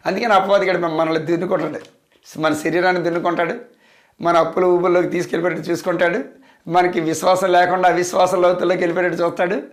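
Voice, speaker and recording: A pastor preaching with a fairly high voice. He drives each point home by repeating it and asking question after question. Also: little pitch movement, quick pace. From India. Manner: emphatic, repetitive preaching with rhetorical questions. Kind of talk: sermon.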